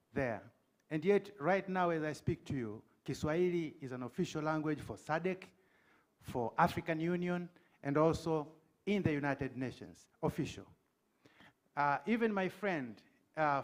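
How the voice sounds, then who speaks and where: A middle-aged man speaks up from the floor of a conference, making his case with a short story before his question. His voice sits a bit high for a man, and his manner is earnest and pointed. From Tanzania. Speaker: audience member asking a question.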